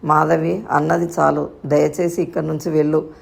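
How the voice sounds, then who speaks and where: A woman's voice: sits low, level tone, normal speed, gravelly, breathy edge, exaggerated voice. A woman reading the part of a fragile young wife who pleads through tears in a storybook tale. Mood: pleading. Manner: pleading, tearful.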